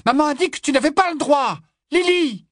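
Pétunia, shrill prim girl as a man voices her. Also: expressive, a little fast, fairly bright tone, no room sound, studio quality. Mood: scolding. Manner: shrill, piercing, scolding.

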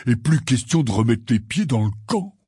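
A man reading the part of a huge, gruff but kindly half-giant gamekeeper in an audiobook, telling his tale in a rambling, earnest way. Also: medium pitch, lively intonation, moderate pace, darkish tone, no echo, clean studio sound. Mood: rueful.

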